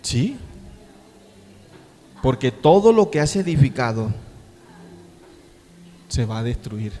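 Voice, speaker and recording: A middle-aged man preaching a sermon as pastor, swinging from hushed words to shouts. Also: mid-range voice, big pitch swings, slow. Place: church sanctuary. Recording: long church-hall reverb.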